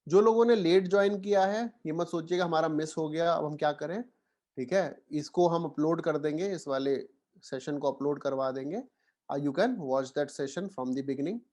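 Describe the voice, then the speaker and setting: Indian male teacher with a raised pitch. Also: normal speed, a little mellow. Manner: Hindi-English code-switching, frequent "theek hai" check-ins; encouraging, reassuring students. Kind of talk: online lecture.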